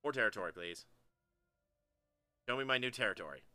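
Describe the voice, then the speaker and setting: Bright, lively man commenting on gameplay. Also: mid-range voice, brisk, no echo. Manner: excitable, laughs and trails off mid-sentence.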